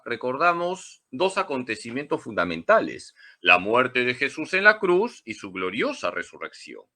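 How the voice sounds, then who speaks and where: Bright-voiced priest teaching catechism. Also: male voice, mid-range voice. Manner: asks questions and answers them himself, emphatic repetition. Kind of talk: catechism class.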